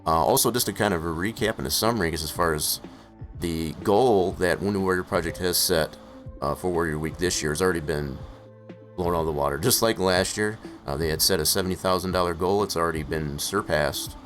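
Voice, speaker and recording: Hoarse low-voiced man rambling on stream. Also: fairly quick, fairly bright tone. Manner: rambling, full of "uh" and "I guess, as far as" fillers. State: hoarse, losing his voice. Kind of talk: casual live-stream chat. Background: faint music playing in the background.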